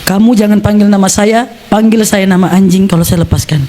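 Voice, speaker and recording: A man's voice: high voice, fairly even intonation, brisk, warm tone, a little hiss or hum, close to an everyday voice. A man voicing his angry father in a retold story, scolding and threatening harshly.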